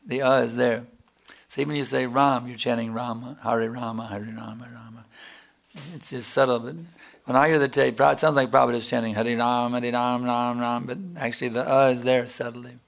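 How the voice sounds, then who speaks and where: A man's voice: mid-range voice, level tone, brisk, vocal fry. A man teaching as a spiritual teacher in a devotional question-and-answer talk, explaining patiently and chanting examples.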